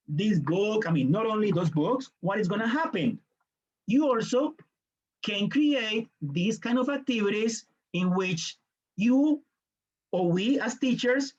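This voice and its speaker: A Colombian teacher trainer gives an online workshop lecture in Colombian-accented Spanish, explaining step by step and briefly acting out students and parents. His voice is high-pitched, and the recording loses its highs.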